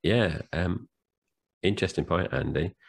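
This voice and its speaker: A man's voice: sits low, unhurried, creaky, breathy edge. A man co-hosting a film podcast, chatting casually and retelling scenes with lots of fillers. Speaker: podcast co-host. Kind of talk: casual film review chat.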